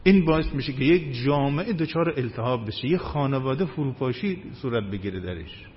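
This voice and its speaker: A man giving a measured sermon, his emphasis rising and falling. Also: mid-range voice, lively intonation. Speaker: cleric. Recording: dull lo-fi recording with faint ambience.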